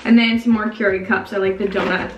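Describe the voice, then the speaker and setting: A woman's voice: medium pitch, fairly even intonation, quick pace, reverberant, lo-fi sound. A woman in her twenties chatting casually to camera in a home kitchen, upbeat and full of "like". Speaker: vlogger. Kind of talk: casual vlog chat.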